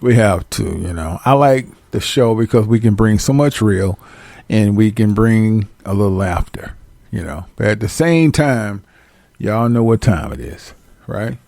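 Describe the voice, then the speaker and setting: A man hosting a show, delivering a loud, slangy comedic rant with frequent laughter. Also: fairly low pitch, expressive, measured pace, gravelly, no room sound. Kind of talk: stand-up style comedic rant.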